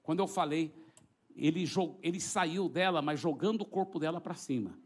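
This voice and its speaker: Pastor telling a dramatic testimony. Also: male voice, fairly high pitch, normal speed. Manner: dramatic storytelling, acting out the scene. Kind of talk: sermon testimony. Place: church before a congregation.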